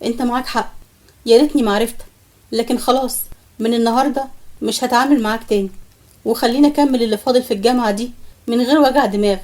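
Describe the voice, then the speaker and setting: A woman's voice: a little high, steady tone, racing, pauses often, darkish tone, natural voice. Woman voicing curt young Egyptian student. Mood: resigned. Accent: Egyptian Arabic. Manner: curt, dismissive. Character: young female student, guarded and proud.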